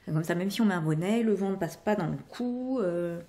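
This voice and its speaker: With a warm, fairly low voice and a fairly quick pace, a middle-aged woman hosts a podcast on knitting and sewing. She casually shows off her finished projects in chatty, rambling explanations, frequently wrapping up with "voilà."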